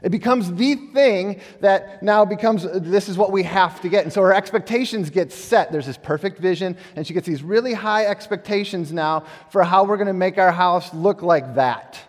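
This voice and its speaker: A man's voice: high voice, moderate pace, few pauses. A man in his thirties preaching a sermon in a church, conversational and self-deprecating. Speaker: pastor. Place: church sanctuary. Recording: echoey hall.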